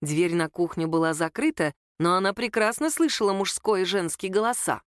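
A woman narrating a story aloud in a steady, intimate manner. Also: lowish voice, a little fast, smooth, no echo, studio quality. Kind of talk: audiobook story reading.

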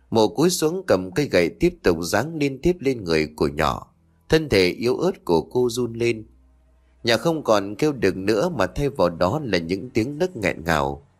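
A man narrating a ghost story in a dramatic, scripted way. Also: lowish voice.

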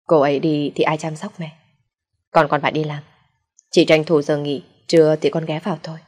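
A woman voicing a young husband who speaks calmly and placatingly, in a low, husky voice. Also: moderate pace. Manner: placating, calm. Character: young husband, weary peacemaker.

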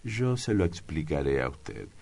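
A man's voice: extremely low pitch, big pitch swings, a little slow, gravelly, darkish tone, breathy edge, heavily acted. A man voicing a timid old male secretary who speaks in ornate, obsequious phrases. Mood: fussy.

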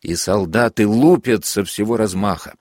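A man narrating a classic novel as an audiobook in an expressive, vivid storytelling manner. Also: on the low side, normal speed, dry recording, studio quality. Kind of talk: literary audiobook reading.

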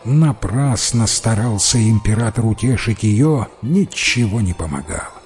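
A man narrating a fairy tale in a measured, expressive storytelling manner. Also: fairly low pitch, soft background music.

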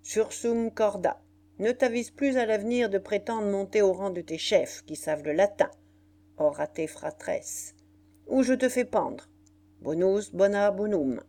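A woman putting on a sly bossy army general from an old novel, loud and scolding, shouting his orders down at a soldier. the voice climbs high when he gets angry. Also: big pitch swings, measured pace. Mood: furious. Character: imperious, crafty rebel general, angry and mocking.

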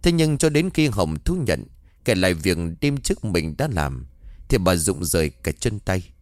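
A man narrating a dramatic story in an expressive, scripted style. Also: low voice, normal speed, no echo, studio quality.

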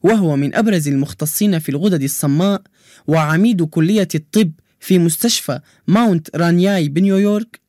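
A playful young male joke-teller from a children's radio drama, voiced by a man. His voice sits high and the sound is close and dry, without room echo. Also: brisk, dark tone, natural voice. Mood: informative. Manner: cheerful, playful storyteller. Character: cheerful joke-telling young male quiz contestant. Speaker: radio show character who answers quizzes and tells jokes.

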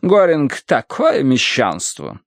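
A man's voice: mid-range voice, wildly swooping pitch, slow, gravelly, no room sound, clean studio sound, voice pushed up, heavily acted. A man reading an audiobook voices a haughty, imperious older Victorian lady in a raised, commanding tone.

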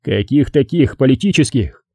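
A man voicing a gruff middle-aged male partisan commander who grumbles and gives orders in an audiobook. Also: mid-range voice, lively intonation, moderate pace, darkish tone, dry recording, studio quality. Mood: gruff commanding.

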